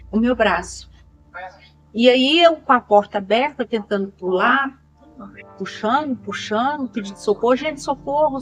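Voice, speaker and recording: A woman's voice: fairly high pitch, poor audio. A woman in her sixties with a Brazilian accent, telling her life story earnestly and repeating phrases for emphasis. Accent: Brazilian Portuguese. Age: 60s. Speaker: channel host. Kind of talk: personal life testimony.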